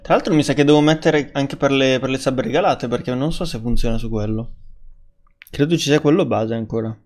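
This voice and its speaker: A man's voice: medium pitch, a little fast, darkish tone. A man streaming a game, chatting casually, laughing often and swearing when surprised. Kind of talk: casual gaming stream chat.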